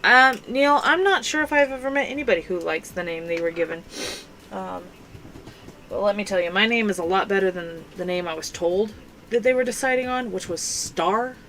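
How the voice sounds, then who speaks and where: A young woman who hosts a crafting channel chats casually while she crafts, rambling and using lots of fillers. Her mid-range voice is a bit bright and moves at normal speed, though the recording is rough and carries a little hiss or hum.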